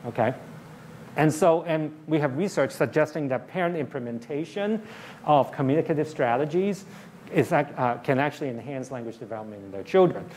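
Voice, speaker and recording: A man's voice: a little high, a little fast, a little mellow. Man, public lecture, explanatory, frequent "okay?", faint background noise. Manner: explains plainly, often checks in with "okay?". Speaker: professor giving a public lecture. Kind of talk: university public talk. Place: lecture hall.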